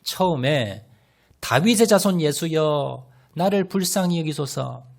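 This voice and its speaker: A male pastor preaching a sermon, talking straight to the congregation and swinging between loud cries and hushed lines. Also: on the high side, lively intonation, unhurried, creaky. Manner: addresses the congregation directly and often.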